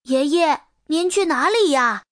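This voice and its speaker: A woman's voice: high-pitched, lively intonation, a little slow, no echo, studio quality, pitched above the performer's own voice. A woman voicing a cheerful, caring little girl in a storybook reading. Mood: chirpy. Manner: sweet, coaxing, chirpy.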